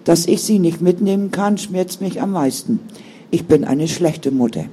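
A man's voice: fairly high pitch, moderate pace, dark tone, a little hiss or hum, lightly acted. A man voicing an angry, defiant young woman who is a mother, with indignant, bitter outbursts. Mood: sad.

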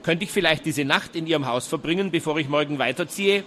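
A man's voice: on the high side, fast, a bit bright, a little hiss or hum, lightly acted. A man voicing a polite, eager young male adventurer in a storybook reading. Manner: polite, ready.

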